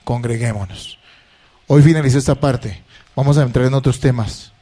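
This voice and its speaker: A man, a pastor preaching a sermon to his congregation, asking rhetorical questions and moving between hushed and emphatic delivery. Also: mid-range voice, fairly even intonation, a little fast. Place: church service.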